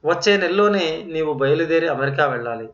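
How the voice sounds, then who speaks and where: A man voices a principled older professor, firm and fatherly in every word. The voice sits a bit high. The recording is roomy and dull, like a lo-fi audio story. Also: lively intonation, fairly quick, fairly bright tone.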